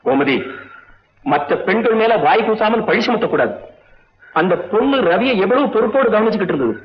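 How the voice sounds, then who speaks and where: Gentle, fatherly elder of the house. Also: high-pitched, lively intonation, a little fast, slight background noise. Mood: firm. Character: kindly, calm elder of the house. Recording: dull lo-fi old film soundtrack.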